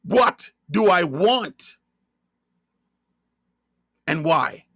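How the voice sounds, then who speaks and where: A Jamaican man with a Jamaican accent preaches a slow, sermon-style monologue, driving points home by repeating and spelling out key words. His voice is high-pitched, animated, and a bit bright, captured in a dry, studio-quality recording.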